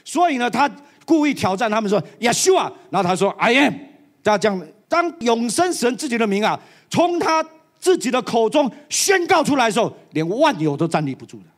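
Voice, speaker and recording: A church elder preaching a sermon to a live audience, animated and slipping English phrases into his talk. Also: extremely high pitch, a little fast.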